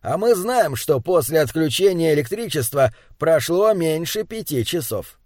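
A man reading an audiobook, voicing a calm, curious male writer who explains things in a measured, insistent way. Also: a little high, no echo, clean studio sound. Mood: reasoning. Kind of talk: audiobook character dialogue.

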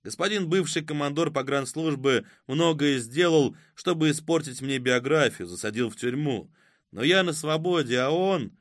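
A man voicing a mocking, vengeful male villain in an audiobook, with a drawn-out, sneering delivery. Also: on the high side, no echo, studio quality, voice pushed up, lightly acted. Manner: sneering, taunting, drawn-out threats. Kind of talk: audiobook character voice.

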